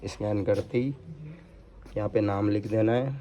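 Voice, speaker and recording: A man from India runs an unscripted, hands-on product installation demo, explaining each step and mixing in English technical terms. His voice is fairly low, steady and mellow, and he speaks a little slowly, with slight background noise.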